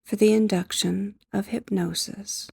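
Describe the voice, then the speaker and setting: A woman guides a sleep hypnosis session in a soft, breathy voice that is almost a whisper, gentle and measured, with long pauses and close miking. Her pitch is medium, her intonation fairly even, and there is no echo.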